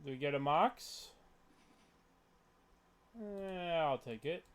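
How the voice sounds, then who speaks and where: A man's voice: a little high, takes it slowly, clean tone. A man casually thinking aloud as he plays a card game, muttering his moves and swearing when frustrated. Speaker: player commentating his own online card game matches. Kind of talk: casual gameplay commentary.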